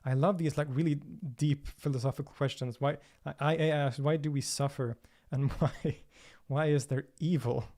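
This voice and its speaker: In a casual livestream Q&A, a Swedish man whose native tongue is Swedish answers viewer questions with care, though he often uses fillers and restarts. His warm voice is a little high and steady, kept at a moderate pace with hardly any pauses.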